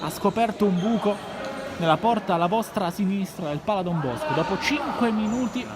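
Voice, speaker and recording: A man giving live futsal commentary, his voice rising excitedly for goal calls. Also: sits high, normal speed, a loud crowd. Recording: loud indoor sports hall noise.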